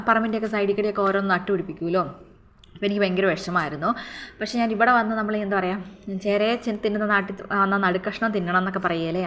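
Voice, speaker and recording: A woman from the Kerala highlands telling a personal story to her viewers in a rambling, casual way. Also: fairly bright tone, a little hiss or hum. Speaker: vlogger. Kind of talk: storytelling narration.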